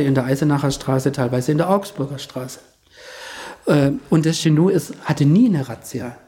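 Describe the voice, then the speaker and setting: A man talking through history in a relaxed interview, thinking aloud with many fillers and restarts. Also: a little high. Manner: hesitant, many fillers and restarts, speculative asides. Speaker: historian guest.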